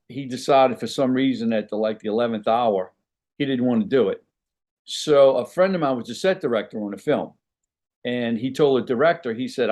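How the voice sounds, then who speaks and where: A man's voice: mid-range voice, darkish tone. An older man, an actor guest on an interview, telling stories in an easygoing, rambling way with frequent "you know"s. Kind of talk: casual interview chat.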